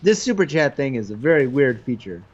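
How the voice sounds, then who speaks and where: A man's voice: medium pitch, big pitch swings, brisk, darkish tone. Teasing man, slightly muffled audio. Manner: teasing, dry ribbing. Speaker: co-host commenting on gameplay. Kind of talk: casual gameplay chat.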